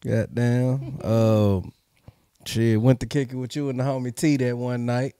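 A man's voice: mid-range voice, steady tone, a little slow, warm tone, clear, resonant tone, no room sound, clean studio sound. A man co-hosting a casual podcast, laid-back and joking with a lot of swearing. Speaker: podcast co-host.

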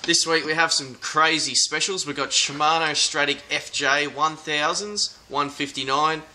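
A young Australian man co-hosting a fishing report in a tackle shop, calling out local catches and specials in a brisk promotional way. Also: a little high, fairly even intonation, noisy background. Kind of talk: casual product and fishing report. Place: inside a large tackle shop. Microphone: camera at close range.

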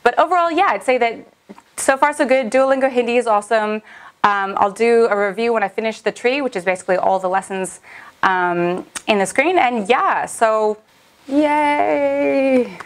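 A woman's voice: a little high, normal speed. A young woman vlogging in a casual, upbeat way as she reviews a language app, chatty and full of little fillers.

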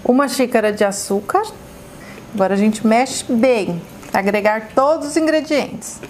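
A woman with a Brazilian Portuguese accent hosts a chatty cooking demonstration in her kitchen, effusive and exclamatory as she fondly addresses her viewers. Her voice sits on the high side and her pace is unhurried, with slight background noise.

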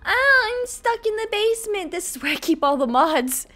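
A woman streamer giving casual, playful, expressive live commentary on a game. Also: extremely high pitch, normal speed.

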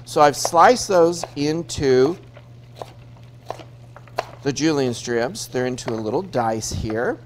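A man's voice: mid-range voice, lively intonation, takes it slowly, long pauses, slight background noise. A man in his fifties from Utah hosting a TV cooking segment, chatting through each step as he cooks in a studio kitchen. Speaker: TV cooking show host. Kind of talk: cooking demonstration.

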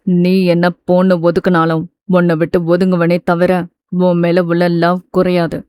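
A woman voicing an intense, stern young man in a romance audiobook, speaking low and pressing. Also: completely flat delivery, moderate pace, darkish tone, clear, resonant tone, no room sound, close to an everyday voice. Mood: earnest.

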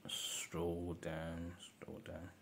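This design tutor talks extremely slowly in a low, gravelly, completely flat voice, with a little hiss or hum on the recording. He steps viewers through a phone design app in a screen-recorded tutorial, repeating steps and calling things "this guy."

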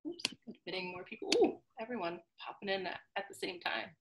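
A woman's voice: mid-range voice, fairly quick, vocal fry, roomy sound. A woman hosting a live online cooking class on a video call, chatty and upbeat with lots of fillers. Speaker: host.

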